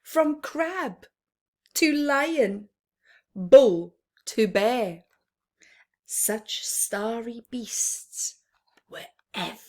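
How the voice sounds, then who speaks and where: A woman with a fairly high voice reads a picture book to young children, expressive and full of chatty asides. She phrases deliberately with pauses and often sinks to a hushed near-whisper.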